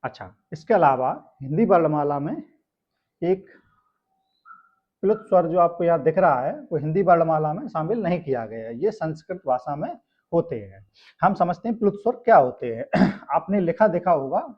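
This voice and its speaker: Man teaching a lesson, slightly high voice. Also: animated, normal speed. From India. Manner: explanatory, often adds tag questions. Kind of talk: classroom lesson on grammar. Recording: dull lo-fi sound.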